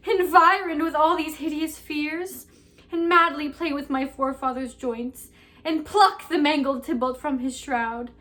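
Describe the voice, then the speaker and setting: Brief: young Juliet, high voice, frightened and slow, classical delivery, played by an actress. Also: female voice. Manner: fearful, dramatic, swings from hush to cries. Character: young Juliet, terrified before the potion. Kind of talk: Shakespeare monologue performance.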